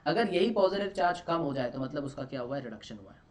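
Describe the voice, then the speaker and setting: A male chemistry teacher gives an exam-prep lesson, his voice sitting a little high for a man. He fires a question at the class and answers it himself, letting the final word sink low and quiet. He slips English phrases into his explanations and hammers the same key terms again and again. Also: animated, fast talker. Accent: Marathi-influenced Indian. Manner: final answer words drop low and soft. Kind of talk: online exam-prep lecture.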